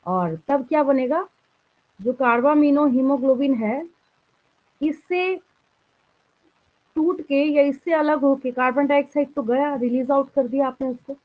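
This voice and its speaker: Lecturing her biology class in a mix of Hindi and English, a woman with an Indian accent and fairly high voice asks questions and supplies the answers herself. She speaks a little slowly with long pauses, and the sound is thin and tinny as if over a phone.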